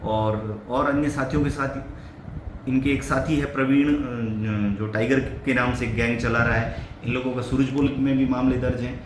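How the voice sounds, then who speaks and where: A man's voice: mid-range voice, fairly even intonation, unhurried. A man, a police officer, giving a formal press statement in plain official wording. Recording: very echoey room, clear room noise.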